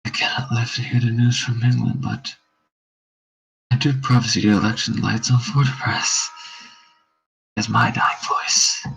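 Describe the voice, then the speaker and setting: A man playing a dying, anguished Danish prince in a verse drama, with a faint, halting deathbed delivery. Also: medium pitch, level tone, creaky, fairly bright tone. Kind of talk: amateur read-through of Shakespeare verse drama. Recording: dull, lo-fi, faint noise.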